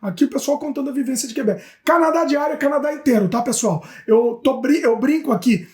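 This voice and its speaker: A woman from Brazil co-hosts a relaxed talk show, reading viewer comments and adding quick asides. Her voice sits a little high, and the room gives it a noticeable echo. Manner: lively, reads comments aloud, chatty asides. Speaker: co-host. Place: home in Canada. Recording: roomy echo.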